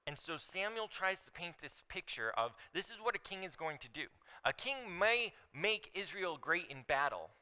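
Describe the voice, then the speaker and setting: In a church sanctuary, a pastor preaches a sermon, explaining scripture and leaning hard on key words. His voice sits high, with big pitch swings and a sharp tone, at a moderate pace with few pauses. The audio is poor.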